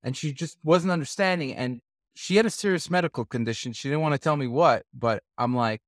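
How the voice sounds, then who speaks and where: A man's voice: medium pitch, brisk, dry recording, studio quality. Casual hesitant male podcast host. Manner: casual, hesitant, many fillers and restarts. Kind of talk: podcast interview.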